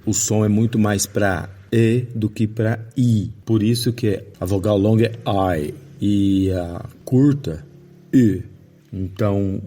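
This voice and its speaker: Slow dark-voiced male teacher. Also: fairly low pitch. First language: Portuguese. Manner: slow, patient explanations with drawn-out example words. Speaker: English teacher. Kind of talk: video lesson explaining pronunciation.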